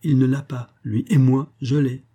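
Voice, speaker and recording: A man's voice: medium pitch, steady tone, moderate pace, dark tone, husky, voice pushed up, lightly acted. A man voicing an old, obsessive male bookseller, jealous and anxious, in a pleading, strained voice raised above his narrating tone. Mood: clinging.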